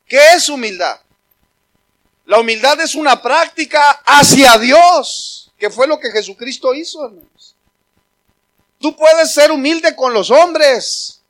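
A man delivers a sermon from the pulpit. His voice sits high for a man. He preaches with emphasis, turning to the congregation and calling them brothers. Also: a bit bright. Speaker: pastor.

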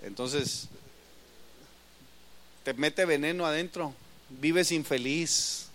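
A male pastor preaching a sermon, swinging from loud emphatic lines to soft asides. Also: a little high, slow, slight background noise.

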